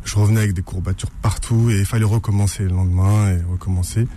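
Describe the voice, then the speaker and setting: A low, mellow male voice from France, talking as an interview guest. He speaks haltingly, pausing on fillers and restarting his sentences. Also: fairly even intonation, a little hiss or hum. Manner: hesitant, many fillers and restarts. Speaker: author guest. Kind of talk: radio interview.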